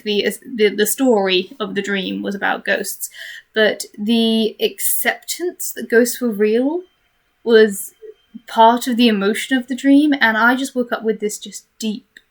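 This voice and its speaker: A woman chatting candidly and hesitantly, thinking aloud in a casual, rambling vlog recorded on a webcam in her bedroom. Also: fairly high pitch. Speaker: vlogger. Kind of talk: casual, rambling first-take video chat. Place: bedroom corner at home. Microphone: webcam microphone. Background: computer fan noise.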